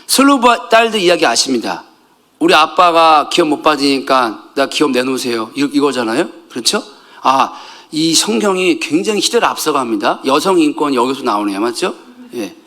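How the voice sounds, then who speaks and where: A middle-aged man preaches in a loose, conversational way, trading jokes with his congregation. His voice sits fairly high and swings widely in pitch, lurching from loud outbursts down to hushed asides. The tone is bright and ringing. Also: sing-song, normal speed. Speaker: pastor. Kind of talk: conversational sermon.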